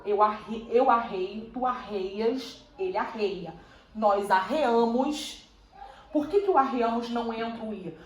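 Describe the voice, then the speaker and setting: A woman teacher with a slightly high voice walks through grammar patiently, often checking in with her listeners. Her voice rings in an echoey room. A faint hum of ambience sits behind her. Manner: patient, explanatory, repeats and checks with "tá?" and "né?". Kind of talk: grammar lesson.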